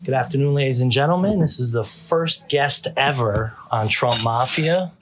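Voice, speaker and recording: A man's voice: mid-range voice, moderate pace, a crowd in the background. Brash tough-talking sick man. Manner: brash, profane, tough-guy swagger. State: sick, voice worn. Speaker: podcast host interviewing a guest. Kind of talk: casual political commentary and street interview.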